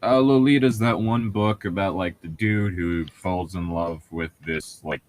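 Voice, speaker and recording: With a low, darkish voice at a measured pace, a man co-hosting a podcast reads a book and critiques it. His casual commentary is full of swearing, rambling explanations and frequent "like."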